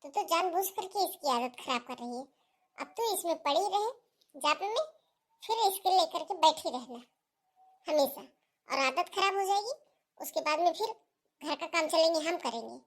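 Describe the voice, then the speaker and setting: A bossy mother-in-law from a family melodrama, acted by a woman in a high, piercing voice. She scolds and mocks without letting up. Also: expressive, normal speed, pauses often. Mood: lecturing. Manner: shrill, taunting, scolding. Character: scolding middle-aged mother-in-law, harsh and domineering.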